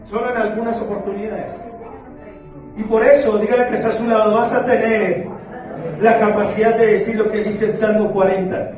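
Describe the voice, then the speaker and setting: A man preaching a sermon as pastor, playful and questioning, slowing down for emphasis. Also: high-pitched, flat delivery, a little mellow. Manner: playful, asks the congregation questions, slows down for emphasis. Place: church sanctuary. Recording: very echoey church hall, far from the mic, with music behind.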